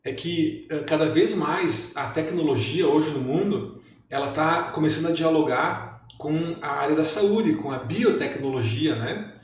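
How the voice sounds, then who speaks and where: A man's voice: a little high, unhurried. A man, a professor and guest, musing thoughtfully in a casual podcast chat. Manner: reflective, filler-heavy. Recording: echoey room, far from mic, faint noise.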